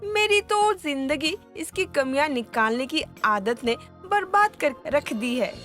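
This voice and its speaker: A woman voicing an older, exasperated mother-in-law in an animated story. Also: high-pitched, a little slow, faint music behind. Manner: exasperated, scolding.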